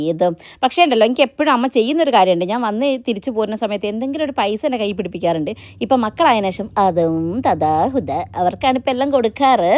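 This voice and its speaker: A woman's voice: fairly high pitch, dry recording, studio quality. A woman, chatting casually and rambling as she narrates a family vlog. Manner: chatty, rambling, frequent "ttoo" tags. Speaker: vlogger.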